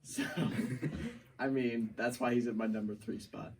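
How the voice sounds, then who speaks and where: A man's voice: medium pitch, measured pace, gravelly, far from the mic. A young man co-hosting a student podcast, joking in slangy casual talk. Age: young adult. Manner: joking, slangy, bursts of excitement. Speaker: co-host. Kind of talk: casual chat.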